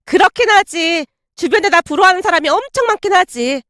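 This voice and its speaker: A woman's voice: extremely high pitch, lively intonation, a little fast, fairly bright tone, no echo, clean studio sound, pitched above the performer's own voice. A woman voicing an arrogant, spoiled young woman who mocks and bosses an old classmate in a storybook drama. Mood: boastful. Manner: mocking, condescending, bossy.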